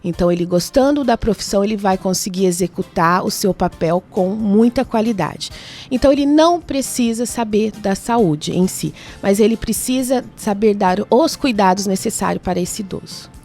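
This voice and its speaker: A woman's voice: mid-range voice, normal speed, mellow, soft background music. Brazilian woman explaining patiently. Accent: Brazilian Portuguese. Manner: explanatory, lists points with frequent tag questions. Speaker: nurse, studio guest. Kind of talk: radio interview answers. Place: radio studio.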